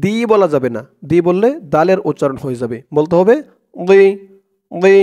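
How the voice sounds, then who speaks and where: A man with a Bangladeshi Bengali accent teaching the Quran word by word. He draws out slow recitation and gives quick spoken explanations in between. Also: on the high side, expressive, mellow.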